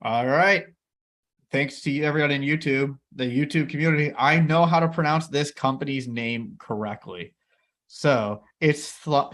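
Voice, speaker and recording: A man in his thirties co-hosts a dividend investing channel, chatting casually about investing in a mid-range, somewhat bright voice. He's upbeat and jokey, rambling as he goes.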